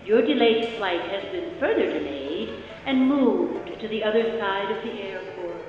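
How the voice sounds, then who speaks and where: A woman doing an airport announcer over a loudspeaker. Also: mid-range voice, animated, a little slow, soft background music. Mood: deadpan official. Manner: droning official announcements. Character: female airport gate announcer, flat and official. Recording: echoey dull loudspeaker sound in a big hall.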